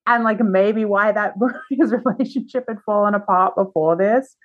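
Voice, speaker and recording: A woman's voice: mid-range voice, moderate pace. A woman in casual chat tells a juicy story at full tilt, slipping into the voices of the people involved. Her voice sits mid-range for a woman. The recording is a little dull and lo-fi. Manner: animated gossipy storyteller who quotes people. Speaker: podcast guest.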